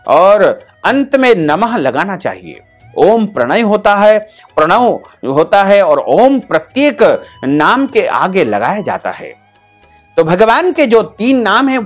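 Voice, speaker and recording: A man as a spiritual teacher giving a devotional discourse, repeating phrases in a rhythmic, listing cadence. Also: high voice. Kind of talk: devotional discourse with mantra chanting.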